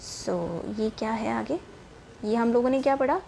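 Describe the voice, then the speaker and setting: A woman teacher talks in a fairly high, mellow voice. She reads passages slowly and then explains them in an easy, chatty way, checking in with her listeners again and again. A faint hiss runs under the recording. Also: fairly even intonation, vocal fry. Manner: mixes English textbook reading with chatty explanation, often asking "ठीक है?". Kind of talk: casual lesson.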